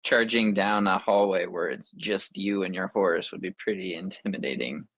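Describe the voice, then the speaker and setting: A man's voice: low voice, normal speed, fairly bright tone, no echo. A man playing in a tabletop game, chatting casually and making dry jokes to the game master. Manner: joking, dry asides. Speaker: player.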